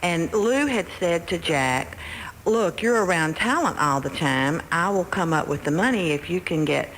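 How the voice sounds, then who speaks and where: A middle-aged woman with a low-sitting, slightly bright voice reminisces as a guest on a radio interview, a music publishing executive telling anecdotes and quoting conversations she remembers. The radio aircheck is noisy and reverberant, like a hall.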